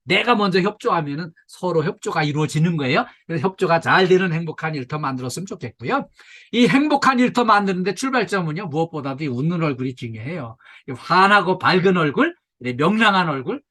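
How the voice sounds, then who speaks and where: An older man lectures employees on workplace safety in a lively, coaxing way. His voice sits fairly high for a man. He now and then mimics nagging voices and leads the listeners through stretches. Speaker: safety instructor.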